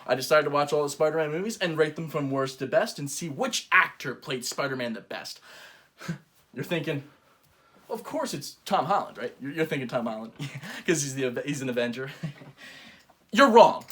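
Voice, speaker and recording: Male comedy host ranting from his bedroom, bright and forceful, excitable delivery. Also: fairly high pitch, normal speed. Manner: excitable mock rants that swing from mumbling to yelling. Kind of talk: comedic home-made talk show. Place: bedroom at home.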